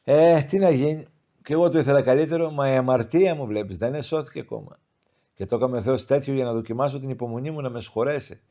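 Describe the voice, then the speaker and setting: A man's voice: medium pitch, warm tone, close to an everyday voice. A man voicing a grieving, pious older village mother who speaks in plaintive, heartfelt pleas. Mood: resigned.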